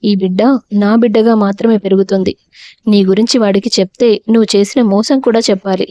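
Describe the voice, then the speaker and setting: A woman's voice: medium pitch, steady tone, brisk, mellow, no room sound, lightly acted. A woman voicing a hurt, pregnant young wife who speaks in bitter reproach in an audio story.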